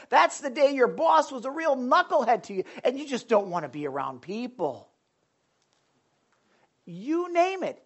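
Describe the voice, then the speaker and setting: A preacher delivering a sermon to a live audience, talking loudly and excitedly, then dropping into hushed, earnest tones. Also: medium pitch. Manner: loud and excitable, swinging between shouting and hushed tones. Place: indoor gathering with a live audience.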